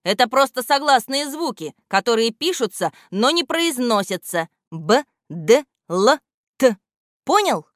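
A woman's voice: a little high, sing-song, unhurried, no room sound, clean studio sound, pitched above the performer's own voice. A woman voicing an indignant, lecturing male grammar expert.

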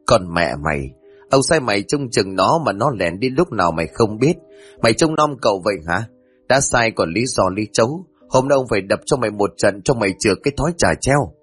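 Guy reading as a bossy old village lord yelling at everyone, husky low voice, storybook. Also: animated, a little fast, soft background music. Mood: angry scolding. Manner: shouting, scolding. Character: old male village official, hot-tempered and domineering.

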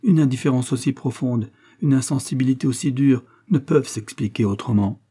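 A man voicing a passionate, heartbroken young suitor who implores with feeling, in a dark husky voice. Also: mid-range voice, brisk, pitched above the performer's own voice, lightly acted. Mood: passionate imploring.

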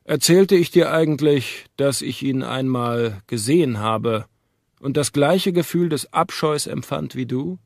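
A man's voice: medium pitch, a little slow, creaky, no room sound, studio quality. A man voicing an earnest, worried middle-aged lawyer who urges his friend on in a raised, hearty voice.

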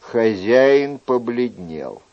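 A man narrating an audiobook as an expressive storyteller. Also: mid-range voice, extremely slow, dull audio.

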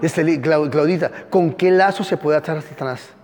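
High-voiced joking male pastor. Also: normal speed, darkish tone, big-room sound, a little hiss or hum. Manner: sarcastic, playful, quizzes listeners by name. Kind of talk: interactive teaching sermon.

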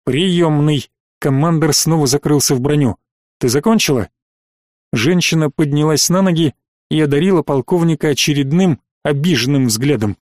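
Male audiobook narrator, slightly high voice, dry close mic. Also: brisk, a little mellow, no echo. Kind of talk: scripted narration.

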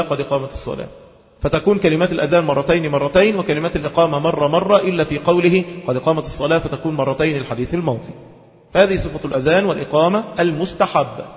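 A man teaching a religious lesson, chanting the call to prayer slowly between explanations. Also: fairly high pitch. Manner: teaching in formal Arabic with colloquial asides, chanting examples slowly. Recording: dull lo-fi audio with long hall reverb.

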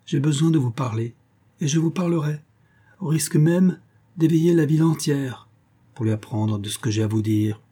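A man's voice: mid-range voice, moderate pace, warm tone, breathy edge, close to an everyday voice. A man voicing a sardonic, insolent male drifter in his mid-thirties, mocking and pushy.

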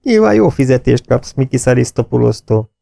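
A man voicing a big, confident spy with a slow, charming drawl in an audiobook. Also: mid-range voice, very animated, creaky, warm tone, no echo, studio quality. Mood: smooth.

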